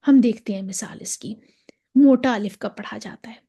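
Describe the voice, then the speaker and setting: A woman with a Pakistani Urdu accent gives a slow, patient lesson in Quran recitation, stretching out the example syllables. Her voice is fairly high and mellow, and the recording sounds muffled and lo-fi. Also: husky.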